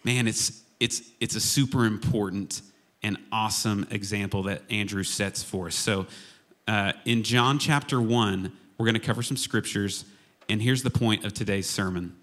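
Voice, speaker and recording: A man's voice: lowish voice, moderate pace, fairly bright tone. A man from Oklahoma giving a casual, humorous sermon as a pastor, chatty and self-deprecating in an informal way. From Oklahoma, United States. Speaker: worship and media arts pastor, guest preacher.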